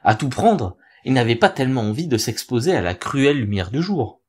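A man narrating a folk tale in an expressive, theatrical storytelling manner. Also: mid-range voice, fairly quick, breathy edge.

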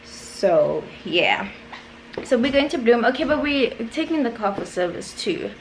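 A 21-year-old South African vlogger chats playfully with her viewers in sassy slang, holding the camera at arm's length. Her voice sits on the high side with big pitch swings and a slightly slow pace. The recording is rough, with clear background noise.

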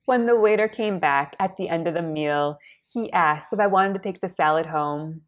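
A young woman vlogger telling a personal story to camera in a soft, partly whispered voice. She is congested, speaks slowly and carefully in plain words, and clears her throat often. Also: lowish voice. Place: indoors against a plain wall.

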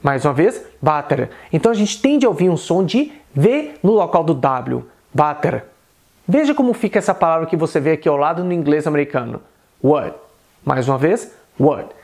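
A man's voice: a little high, very animated, a little mellow. Methodical Brazilian man teaching pronunciation. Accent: Brazilian Portuguese. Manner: methodical, repeats each example word slowly. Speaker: English teacher. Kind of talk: recorded pronunciation lesson.

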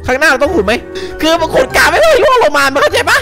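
A young man giving excitable, casual co-op game commentary, yelping and laughing often. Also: extremely high pitch, very fast. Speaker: gaming YouTuber. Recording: music playing behind.

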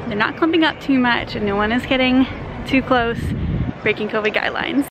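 A woman's voice: fairly high pitch, brisk, poor audio. A young woman vlogging casually and chattily while talking through a face mask, outdoors at a crowded theme park. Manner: chatty and upbeat. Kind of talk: casual vlog narration. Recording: loud crowd and music behind.

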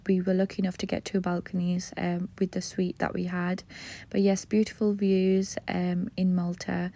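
A woman narrating a travel vlog as a casual voice-over, relaxed and full of ums and uhs. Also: medium pitch, gravelly. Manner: relaxed, many fillers like um and uh. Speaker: travel vlogger.

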